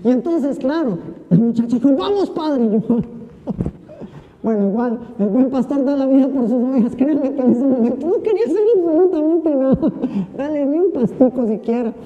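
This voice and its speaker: A priest giving a homily during Mass, telling a humorous personal story and acting out the voices of the people in it. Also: male voice, very high-pitched, normal speed, big-room sound, highs cut off.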